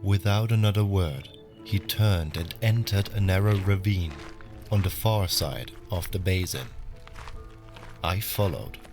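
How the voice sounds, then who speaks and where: A man playing a newly arrived, wary prison inmate who narrates his own story in a measured audio drama style. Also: sits low. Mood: measured, reflective. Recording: music under the voice.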